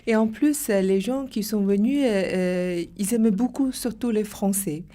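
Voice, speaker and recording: A woman's voice: medium pitch, moderate pace, mellow. Hesitant woman from China, searching for words. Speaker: club co-founder guest. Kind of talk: interview.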